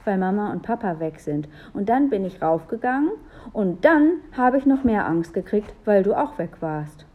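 A woman's voice: medium pitch, expressive, moderate pace, muffled recording, natural voice. A woman voicing a small, pleading and stubborn little boy in a storybook reading.

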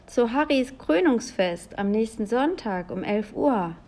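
A woman's voice: a little high, lively intonation, measured pace, darkish tone. A woman doing cheerful young boy Olli.

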